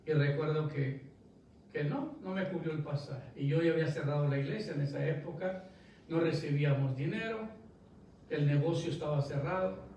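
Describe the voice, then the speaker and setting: A man's voice: fairly high pitch, a little mellow, a little hiss or hum. A male pastor preaching a sermon in a church, telling a story and then rising to emphatic bursts. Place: church sanctuary. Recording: echoey church hall, from a distance.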